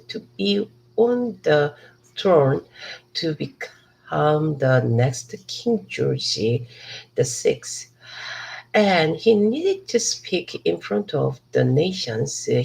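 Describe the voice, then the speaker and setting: A Cantonese-speaking woman from Hong Kong, an ESL student, delivers a rehearsed motivational speech outdoors in a city park. Her voice is low, gravelly and slow, and she halts, restarts and repeats words to correct herself. The recording quality is low.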